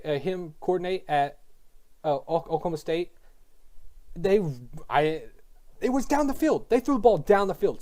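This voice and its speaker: A young man vents in an exasperated rant about his team's coaching, voice sitting a little high for a man. He stumbles, restarts and repeats himself as the frustration builds. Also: darkish tone. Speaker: sports fan vlogger. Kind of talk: ranting sports commentary.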